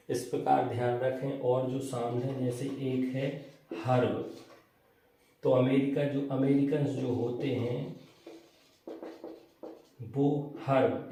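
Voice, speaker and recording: A man's voice: mid-range voice, warm tone. A male English teacher giving a grammar lesson in speech, who asks the class questions and answers them himself. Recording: echoey room, voice from far off, faint noise.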